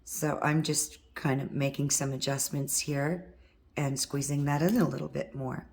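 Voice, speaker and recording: With little pitch movement, a darkish tone and a normal speed, a husky middle-aged woman guides viewers through a wire craft tutorial step by step. Her low, weary, hoarse voice is caused by vocal cord nodules, and she chats as she works with her hands.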